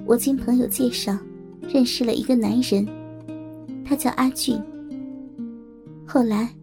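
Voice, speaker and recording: High, creaky woman storyteller. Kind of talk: first-person story narration.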